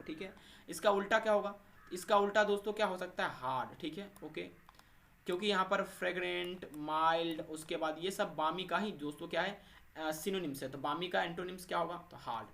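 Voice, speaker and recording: A man's voice: on the high side, a bit bright. A man teaching English vocabulary for exams, asking and answering his own questions and checking in with the viewers after every point. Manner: repeats 'thik hai' and 'doston' after each point, asks and answers his own questions. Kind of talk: exam-prep vocabulary lesson.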